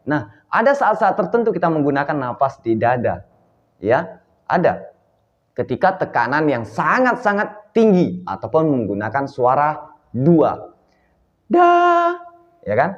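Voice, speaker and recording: A man's voice: fairly high pitch, very animated, normal speed, big-room sound, lo-fi sound. A man giving a vocal lesson, often asking "ya kan?" and breaking into short sung demos. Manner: checks in often with "ya kan?" and sings short demo notes. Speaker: vocal coach.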